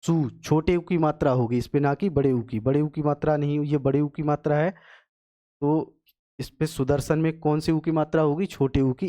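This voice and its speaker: A man teaching a Hindi spelling lesson for exam preparation, patiently repeating words slowly and checking that students follow. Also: on the high side, dark tone.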